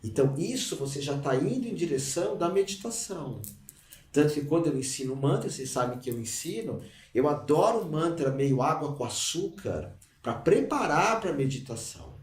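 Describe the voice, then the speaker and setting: A man's voice: on the high side, expressive, moderate pace. Guy teaching meditation, chatty, chants a syllable now and then, sounds a bit far off in a roomy space. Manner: conversational, breaks into chanted syllables. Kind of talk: informal spoken teaching. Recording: roomy, mic at a distance.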